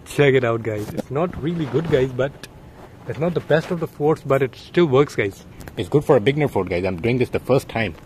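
A young man chatting casually as a vlogger while filming from inside a blanket fort in a parked car, talking excitedly and saying guys constantly. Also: medium pitch, brisk, a little hiss or hum. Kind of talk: casual vlog narration. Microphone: handheld phone camera.

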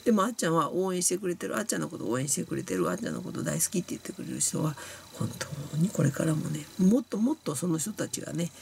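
Tipsy Kansai man, blunt and scolding, lively pitch, rambling vlog talk. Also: quick pace, vocal fry, a little hiss or hum. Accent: Kansai Japanese. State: tipsy and sleepy from drinking. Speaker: YouTuber talking to viewers. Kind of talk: casual monologue to camera.

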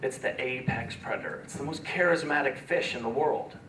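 A man leading an expedition gives an earnest, halting, emotional speech to schoolchildren, recorded from far off in a large room. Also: medium pitch, a bit bright, soft background music. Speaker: expedition leader. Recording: echoey room from far off, faint ambience.

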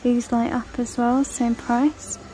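A shopping vlogger films a casual shop-with-me walkthrough on her handheld phone as she strolls through a large indoor retail store, chatting and listing prices. Her voice is mellow and on the high side, with a flat delivery and a slow pace. The recording is rough.

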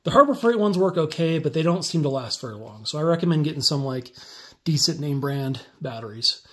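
Talking a little fast in a slightly high voice, a DIY tutorial creator explains his workbench build one step at a time. He keeps the tone relaxed and casual while working with his hands. The recording is made indoors on a phone above the bench.

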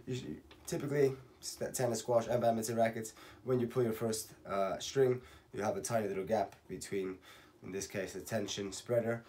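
Slightly hoarse man in a tutorial. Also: on the low side, brisk, hardly any pauses. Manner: relaxed, talks through each step, counts aloud. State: slightly hoarse, losing his voice. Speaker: racket stringing instructor. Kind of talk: step-by-step how-to tutorial. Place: home workshop at night. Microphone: camera on a tripod.

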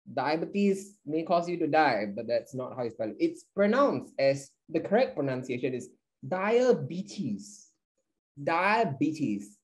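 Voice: mid-range voice, a little mellow, poor audio. A teacher runs a live online class in a playful, joking way and counts down to each answer.

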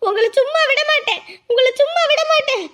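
A woman playing a wife in a comedy sketch who is convinced she has turned into a dog, wailing in a shrill, drawn-out voice. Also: lively intonation, a bit bright. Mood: indignant. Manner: panicked, drawn-out cries.

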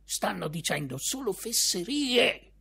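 A man voicing a gruff, hot-tempered, scornful father who barks his lines loudly. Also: high voice, sing-song, takes it slowly, voice pushed up, full character voice. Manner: loud, barking and contemptuous.

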